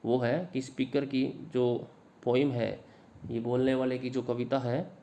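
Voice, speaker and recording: A male literature teacher talks his students through a slide lesson in Hindi. He reads English lines slowly and deliberately, then explains them plainly. His voice sits in a middle pitch with a warm, mellow tone. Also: level tone. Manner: explains in Hindi, slow English phrases read aloud; addresses students directly. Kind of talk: Hindi lecture on an English poem.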